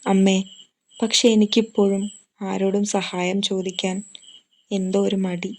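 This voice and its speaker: Woman voicing a gentle young teacher. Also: mid-range voice, flat delivery, a little slow, a little hiss or hum, lightly acted. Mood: tender.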